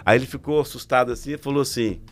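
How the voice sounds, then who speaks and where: A Brazilian man, a guest pastor on a podcast, speaking at a middle pitch. He tells his story animatedly and acts out the other people's voices. Faint music sits underneath. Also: racing, no echo. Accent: Brazilian Portuguese. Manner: animated, vivid storyteller acting out quotes.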